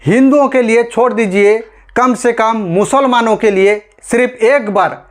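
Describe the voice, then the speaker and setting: A little slow in pace, a high-pitched Indian man reads scripted news commentary for an online audience. Emphatic throughout, he relies on rhetorical questions and addresses listeners directly as friends.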